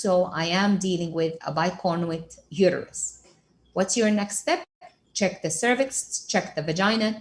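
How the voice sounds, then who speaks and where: A woman with a lowish voice teaching radiology case by case. She poses a question, then answers it herself, taking each image step by step. A faint hum of room sound sits under her voice. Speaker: radiology lecturer. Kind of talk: case-based teaching lecture.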